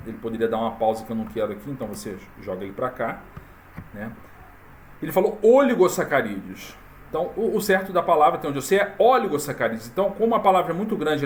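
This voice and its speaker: A man walking viewers through a software tutorial in a casual, chatty way, full of fillers and tag questions. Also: fairly high pitch, slight background noise. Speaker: tutorial presenter. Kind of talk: casual screen-recorded tutorial.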